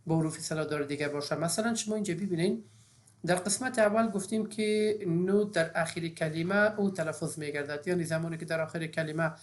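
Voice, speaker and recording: A woman, teaching an English phonics lesson step by step with frequent fillers. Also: on the low side.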